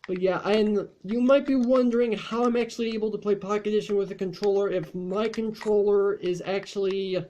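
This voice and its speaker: A man's voice: high-pitched, fairly even intonation, a little fast, hardly any pauses, warm tone, slight background noise. A man chatting casually over gameplay as a channel host, rambling along with frequent fillers and restarts.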